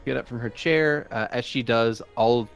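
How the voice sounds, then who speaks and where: A man narrating as game master for a tabletop role-playing game, in a relaxed, easygoing way. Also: mid-range voice, moderate pace, creaky, muffled recording, faint music behind.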